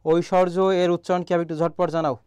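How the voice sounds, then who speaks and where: A young man who teaches admission prep online hosts a live grammar session, his voice fairly high for a man yet darkish, clear and resonant, with a level tone and quick pace. Throughout, he asks viewers questions and reads out their comments. It's a dry, close recording with no echo.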